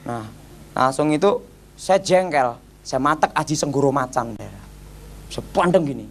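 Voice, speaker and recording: Seorang pria berlogat Jawa memberi kesaksian hidupnya dengan gaya bercerita yang bersemangat, sering menyapa pendengar dengan "saudara" dan memeragakan dialog dengan suara yang berganti-ganti. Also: male voice, medium pitch, animated, normal speed, vocal fry. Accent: Javanese. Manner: keeps addressing listeners as "saudara"; acts out dialogue in shifting voices. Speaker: former occultist giving a conversion testimony. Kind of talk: animated testimony storytelling.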